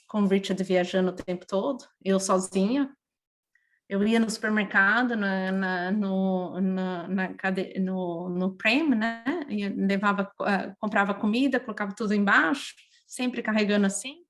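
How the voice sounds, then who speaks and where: Her mid-range voice moves at a moderate pace as this Brazilian woman, an adult mother of a small child, tells emotional, lively personal stories. She is a guest in an informal podcast interview and has a Brazilian Portuguese accent.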